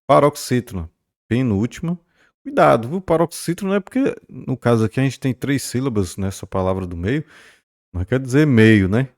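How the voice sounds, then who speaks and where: In an animated, mid-range voice with a darkish tone and normal speed, a man gives a recorded grammar lesson. His manner is explanatory, with frequent "beleza?" and "né?" check-ins, and he stretches stressed syllables to demonstrate words.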